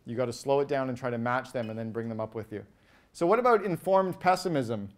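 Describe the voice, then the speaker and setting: A man giving an energetic business keynote on stage, firing quick questions at the audience and rattling off lists. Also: medium pitch. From Canada. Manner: animated, asks the audience quick questions, acts out quoted voices. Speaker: keynote speaker. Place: event stage before a live audience.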